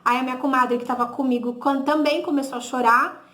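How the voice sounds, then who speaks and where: A woman's voice: high-pitched, steady tone, brisk, fairly bright tone, echoey room. A woman with a Brazilian Portuguese accent giving a personal testimony, recounting conversations with lots of "he said, I said" and little tag questions. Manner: conversational, re-enacts dialogue with "he said, I said"; frequent tag "né?" and self-corrections.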